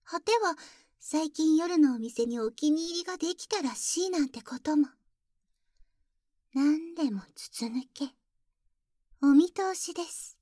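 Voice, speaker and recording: High-voiced maid girl, jealous and teasing, whispers right in your ear, dry close mic, woman acting it. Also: expressive, unhurried, pauses often, warm tone, no echo. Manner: very formal, deferential speech with teasing jabs. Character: polite, jealous young maid who calls herself boku. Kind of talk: ASMR roleplay audio drama.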